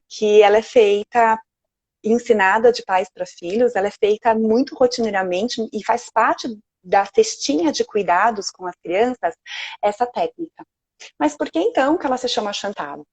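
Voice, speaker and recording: A woman with a Brazilian Portuguese accent, a sleep consultant speaking gently and reassuringly on a live video call. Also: mid-range voice, normal speed, slightly rough, no echo.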